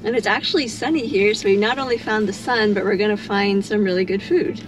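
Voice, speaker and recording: A woman's voice: medium pitch, brisk. A woman co-hosting a casual food-tasting vlog, chatty and upbeat with a lot of filler words. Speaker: vlog co-host.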